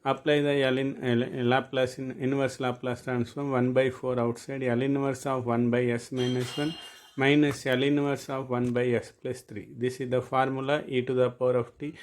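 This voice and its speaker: A man's voice: medium pitch, little pitch movement, normal speed. A man with an Indian Telugu accent, a native Telugu speaker, teaching a maths lesson and dictating formulas step by step. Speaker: mathematics lecturer. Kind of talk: classroom-style maths lesson.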